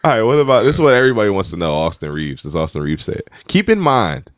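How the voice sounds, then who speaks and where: Young man, podcast co-host, low-pitched, dry close sound, animated profane storytelling, casual chat. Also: quick pace, no echo.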